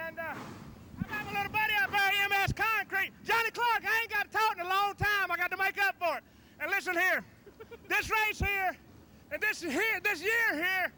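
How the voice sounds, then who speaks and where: A man's voice: very high-pitched, bright, forceful tone, slight background noise. A man with a Southern US accent, a race driver out of breath, rambling folksy thanks after a win. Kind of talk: victory interview. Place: outdoor racetrack.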